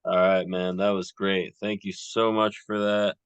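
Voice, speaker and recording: A male podcast host with a low, unhurried voice that sounds smooth and resonant. He rambles casually with plenty of fillers. The recording is dry and close, with no room sound. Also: dry recording. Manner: relaxed, rambling, many fillers.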